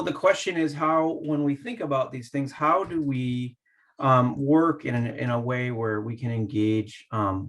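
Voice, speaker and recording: Male professor, gravelly timbre, halting lecture pace, choppy call audio. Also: medium pitch. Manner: thoughtful, many fillers and restarts. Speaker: landscape architecture professor. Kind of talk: online presentation with slides. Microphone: computer mic on a video call.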